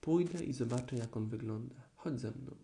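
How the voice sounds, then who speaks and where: Man as a calm, kindly storybook boy. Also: mid-range voice, moderate pace, gravelly, background noise, natural voice.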